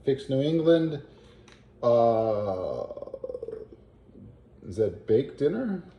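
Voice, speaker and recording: Mellow, slow-reading man in an echoey room. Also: medium pitch, big pitch swings, a little hiss or hum. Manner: halting, with pauses to puzzle out words. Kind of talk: reading an old family letter aloud, with asides. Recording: roomy, echoing home recording.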